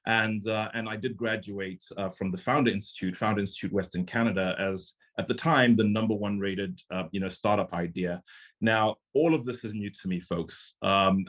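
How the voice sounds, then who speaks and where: Lowish-voiced man from Zimbabwe presenting. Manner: conversational, earnest pitching. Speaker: startup founder and CEO. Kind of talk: remote conference presentation.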